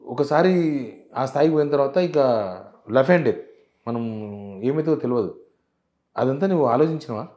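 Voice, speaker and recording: A man, a journalist briskly prodding his guest with questions. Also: a little high, a little mellow. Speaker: journalist interviewer. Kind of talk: interview questions. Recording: dull lo-fi interview audio.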